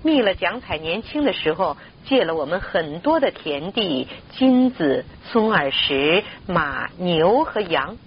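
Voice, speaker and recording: A woman voicing a greedy uncle and aunt who shout together in a scornful, furious manner. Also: fairly low pitch, sing-song, measured pace, few pauses, lo-fi sound, a little hiss or hum.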